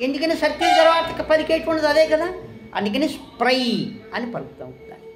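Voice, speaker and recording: Female shorthand teacher with a high voice, quizzing in a classroom style; roomy echo, light music bed. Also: animated, quick pace. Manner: quizzing, asks questions and answers them herself. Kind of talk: classroom lesson.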